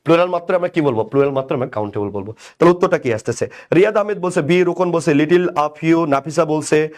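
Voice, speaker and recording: A man with a Bangladeshi Bengali accent leads a live online grammar lesson in a fairly high, chatty voice. He keeps posing quick questions and answering them himself, often checking with "right?". Between points he reads out commenters' names and teases them. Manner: conversational, asks and answers his own questions, repeats "right?"; banters with commenters by name. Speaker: English teacher.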